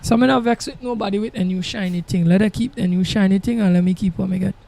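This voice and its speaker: This truck-sim streamer, Jamaican-accented with a warm, gravelly voice, talks quickly and casually to the people watching. He stresses points by repeating them, and in-game engine sounds rumble noisily behind him.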